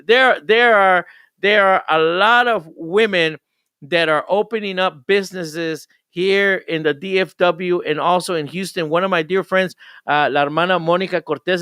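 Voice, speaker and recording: A man's voice: on the high side, fairly bright tone, clean tone, no room sound, studio quality. An older man, a pastor hosting a live radio show, talking in an enthusiastic, rambling way with frequent restarts.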